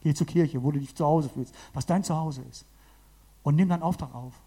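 A man preaching to a gathering of about forty people, his voice mellow and warm yet a touch high. He talks with lively emphasis, circling back to repeat key phrases. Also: brisk, husky. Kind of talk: sermon to a congregation.

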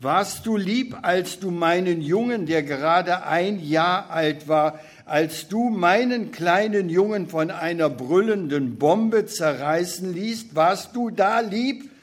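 A man's voice: a little high, lively intonation, takes it slowly. A man doing a bitter young war returnee. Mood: accusing. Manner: accusing, rising to outbursts.

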